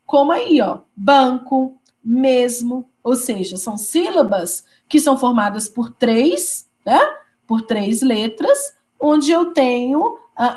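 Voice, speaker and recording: A woman's voice: high-pitched, a little mellow. A woman giving an online teacher training lecture. She explains step by step and often checks in with tag questions. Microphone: video call.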